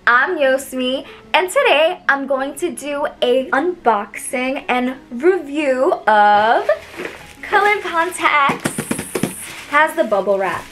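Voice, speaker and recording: A young woman vlogger chatting casually through an unboxing, bubbly and gushing with excitement. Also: sits high, slow, background noise. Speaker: beauty vlogger.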